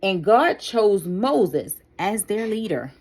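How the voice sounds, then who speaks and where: Reading a children's Bible story aloud, a woman storyteller speaks very slowly and deliberately in a husky, sing-song voice. Her pitch sits mid-range for a woman yet rises and falls dramatically, with careful, expressive phrasing aimed at young listeners.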